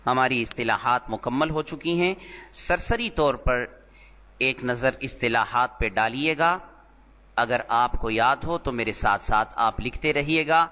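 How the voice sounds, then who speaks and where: A man teaching Arabic grammar terms in a recorded lecture, explaining slowly and repeating each term, sometimes chanting scripture. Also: mid-range voice. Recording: dull lo-fi audio in a reverberant hall.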